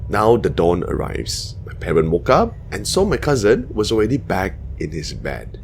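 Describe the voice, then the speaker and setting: Low gravelly man narrating a haunting story. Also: wildly swooping pitch, normal speed, a little hiss or hum. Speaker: storyteller, narrator of scary stories. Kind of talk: scary bedtime story narration in the first person.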